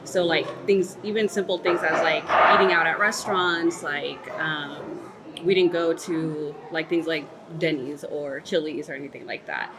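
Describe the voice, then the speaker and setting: In a candid, reflective interview, a Mexican-born woman in her thirties who grew up in Texas talks thoughtfully, often saying "like" and "um." Her low voice keeps fairly even intonation at normal speed against a noisy background.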